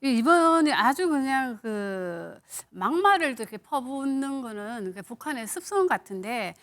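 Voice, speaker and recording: A woman's voice: on the high side, very animated, unhurried, fairly bright tone. A woman commenting on a television current-affairs panel, giving opinions in an emphatic, direct way.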